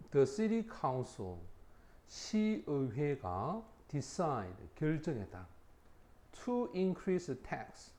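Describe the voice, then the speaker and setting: A middle-aged man teaching English vocabulary in a lecture, reading English example sentences slowly and checking in informally with his students. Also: medium pitch, a little mellow.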